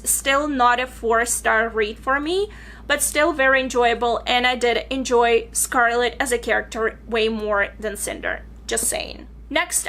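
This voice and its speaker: A woman's voice: sits high, bright, forceful tone. A young woman from Bulgaria chatting enthusiastically through her book reviews in a casual vlog.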